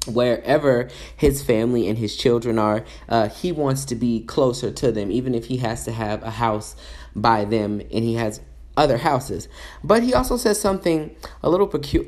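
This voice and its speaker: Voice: medium pitch, a little mellow. A commentator giving casual celebrity gossip commentary in a sassy, chatty way, full of asides and fillers.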